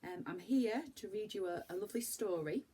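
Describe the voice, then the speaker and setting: Reading a children's story in the manner of a primary school teacher, a woman gives lively, dramatic emphasis meant for young listeners. Her mid-range voice moves fairly quickly and has a breathy edge.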